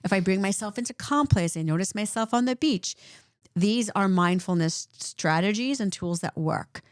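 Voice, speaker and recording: A woman's voice: medium pitch, normal speed, no room sound, studio quality. A woman clinician co-hosting a podcast, explaining points in a conversational way and often checking in with "right?". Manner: animated, repeats points with "right?".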